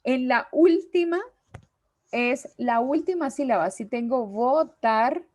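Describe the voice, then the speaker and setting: A woman teacher, giving a class lecture patiently and slowly, with many pauses and fillers. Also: sits high, darkish tone, no echo.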